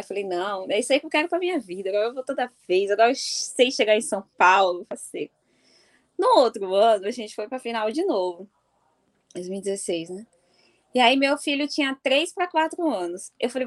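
Animated woman telling a story. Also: fairly high pitch, fairly quick. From Mato Grosso do Sul, Brazil. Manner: animated, laughs often while telling. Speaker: football fan. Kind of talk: casual personal storytelling.

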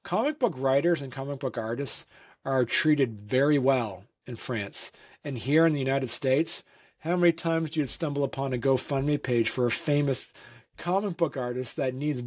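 A man's voice: medium pitch, moderate pace. A man from Vermont, a comic creator, answering interview questions in a rambling casual way, with many fillers and restarts.

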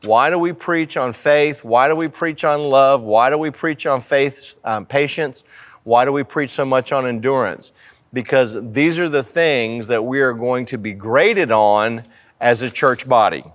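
A male pastor with a medium-pitched voice delivers a teaching sermon in a church sanctuary. He works through scripture, repeating key phrases for emphasis and posing rhetorical questions to make his points. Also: measured pace, fairly bright tone. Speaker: pastor preaching.

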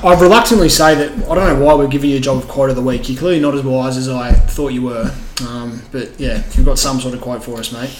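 A man's voice: medium pitch, fairly even intonation, fast talker, hardly any pauses, echoey room, a little hiss or hum, low-quality recording. A man, co-hosting a casual podcast in a teasing, mock-dramatic way, recorded in an apartment. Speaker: podcast co-host. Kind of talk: casual chat.

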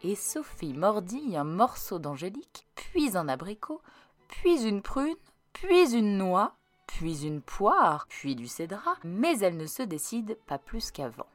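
A woman reading a children's storybook aloud in an expressive way, turning hushed at tense moments. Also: medium pitch, takes it slowly, no room sound, soft background music. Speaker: storybook reader.

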